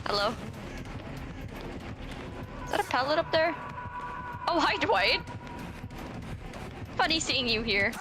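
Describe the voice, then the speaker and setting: A woman chatting casually while playing a video game with friends, playful and quick to exclaim and swear. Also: high-pitched, expressive. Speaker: video game player in a group stream. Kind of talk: casual gaming chat with friends.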